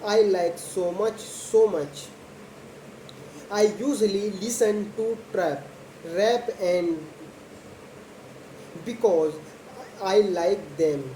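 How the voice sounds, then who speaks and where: A young woman, not a native English speaker, talking very slowly and deliberately in short simple phrases as a practice monologue for learners. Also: medium pitch, dark tone. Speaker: host of a slow English speaking practice video. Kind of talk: slow spoken monologue about a daily routine for English learners. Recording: echoey room with faint background noise.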